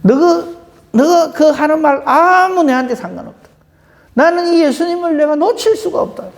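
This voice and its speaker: A woman's voice: high voice, lively intonation, normal speed, pitched above the performer's own voice. Woman preaching as a desperate blind beggar crying out. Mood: defiant pleading. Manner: pleading, raised and insistent.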